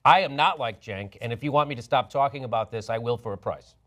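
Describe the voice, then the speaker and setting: A man's voice: mid-range voice, fast talker, a bit bright. A man on a talk-show panel, chatting casually, joking and swearing as he speaks. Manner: joking, profane, conversational.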